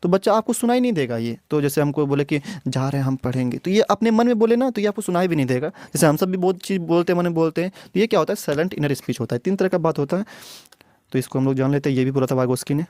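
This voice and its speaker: A man's voice: on the high side, expressive, quick pace, warm tone, dry recording, clean studio sound. A man teaching an exam prep lesson online. He explains step by step, repeats key terms and often stops to check with the class. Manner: repetitive, explanatory, often checks with "theek hai".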